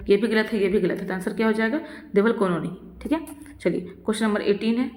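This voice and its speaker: Tutor woman with an echoey sound. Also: fairly high pitch. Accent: Jharkhand. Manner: reads questions slowly, answers them herself with frequent "theek hai". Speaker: exam tutor. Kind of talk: online exam-prep lesson. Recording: echoey roomy reverb.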